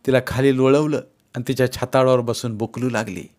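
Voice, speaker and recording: A man reads a short story aloud at a mid pitch. His delivery is steady and expressive, and he keeps the narration moving. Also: a little fast. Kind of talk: storytelling reading.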